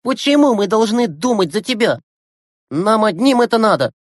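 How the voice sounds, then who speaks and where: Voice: medium pitch, sing-song, normal speed, dry recording, studio quality, voice pushed up. A reader voicing a cocky, hot-tempered sixth-grade boy who lashes out sarcastically in an audiobook. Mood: angry. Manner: brash, sarcastic outbursts. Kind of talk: audiobook character voice.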